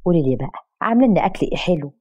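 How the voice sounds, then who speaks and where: A woman's voice: lowish voice, lively intonation, very fast, lo-fi sound. A woman voicing a kindly old Egyptian mother. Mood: soothing. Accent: Egyptian Arabic. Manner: gentle, soothing, gives advice. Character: kindly, pious older mother.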